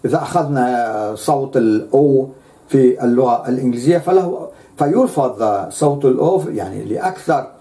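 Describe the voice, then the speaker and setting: A man's voice: mid-range voice, lively intonation, moderate pace, warm tone. A man giving a lecture, speaking emphatically and repeating words for stress.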